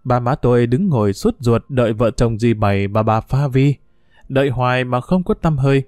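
A man narrating a story in a steady, measured reading voice. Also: medium pitch, no room sound, clean studio sound, soft background music.

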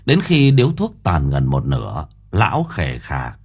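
A man narrating an audiobook story in a dramatic, expressive storytelling manner. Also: extremely low pitch, a little slow, breathy edge.

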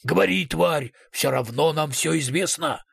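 A man's voice: fairly high pitch, a little slow, gravelly, fairly bright tone, breathy edge, dry recording, clean studio sound, full character voice. A man doing a sly, brutal investigator. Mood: snarling. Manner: swings between sugary politeness and snarling. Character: brutal male police investigator, sly, mock-friendly.

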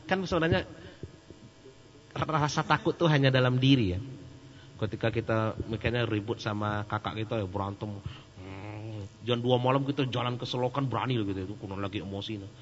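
Joking preacher, muffled recording. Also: male voice, lowish voice, fairly quick, long reverb tail. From Sumatra. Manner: joking and animated, laughs at his own jokes. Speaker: Islamic preacher. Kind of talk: casual question-and-answer sermon. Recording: muffled lo-fi recording with faint hum.

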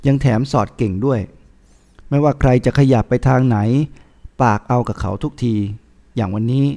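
A man, a monk, reading a book of lectures aloud in a measured, plain-spoken way. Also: mid-range voice, mellow.

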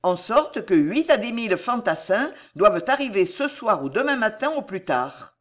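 A woman's voice: medium pitch, very animated, normal speed. A woman reading an audiobook, voicing a loyal male captain of the guard in an earnest, insistent way. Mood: insistent report. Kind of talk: audiobook character voice.

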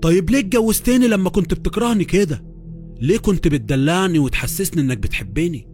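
A man voicing a furious, betrayed young wife with an Egyptian accent, shouting accusations. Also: medium pitch, racing, faint music behind, natural voice. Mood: furious, accusing.

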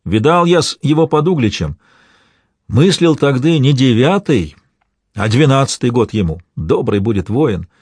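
A man's voice: medium pitch, expressive, moderate pace, a little mellow, slightly rough, dry recording, clean studio sound. A man voicing a loyal army commander, reassuring with a trembling voice. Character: loyal old army commander, steady and kind.

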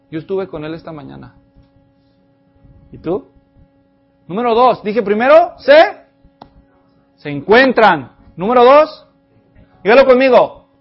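Man, high voice, animated preaching, dull lo-fi sound. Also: husky. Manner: animated, addresses the congregation directly. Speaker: pastor. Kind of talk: expository sermon.

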